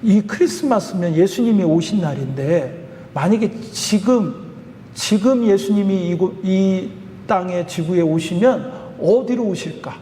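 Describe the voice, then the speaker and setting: High-voiced pastor preaching in a reverberant church. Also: male voice, measured pace, a little hiss or hum. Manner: chatty, animated storytelling with laughs. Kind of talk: sermon storytelling. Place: church sanctuary.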